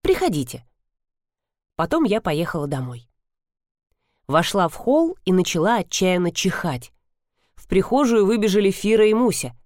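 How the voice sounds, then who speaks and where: A woman narrating an audiobook in the first person with an expressive reading. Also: medium pitch, moderate pace, dry recording, clean studio sound. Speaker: audiobook reader.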